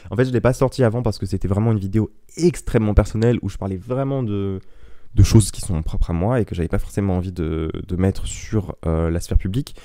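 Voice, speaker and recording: A man's voice: on the low side, quick pace, warm tone, no room sound, studio quality. A young man hosting his own podcast, chatting casually in a rambling, digressive, self-mocking way into an old microphone. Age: young adult. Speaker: podcast host. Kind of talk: casual solo podcast chat. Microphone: ten-year-old microphone.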